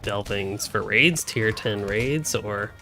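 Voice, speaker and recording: A young male gaming streamer with a lowish voice rambles slowly through casual live-stream commentary as he plays, thinking aloud at a desk microphone in a room at home. His voice is pushed and bright, he is hiccuping, and faint music plays behind.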